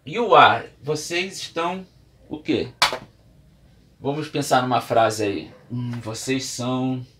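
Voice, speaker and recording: Teaching an English class at a whiteboard, a man with a Brazilian Portuguese accent speaks slowly in a mid-range, slightly bright voice. He explains patiently step by step with examples, writing and erasing on the board as he goes, over slight background noise.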